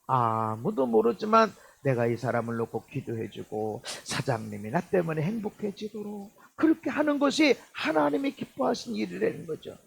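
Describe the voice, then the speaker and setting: Gravelly high-voiced preaching man. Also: sing-song, moderate pace, hardly any pauses, a little hiss or hum. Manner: swings between loud exhortation and low muttered asides, acts out quoted people. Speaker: pastor. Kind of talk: sermon.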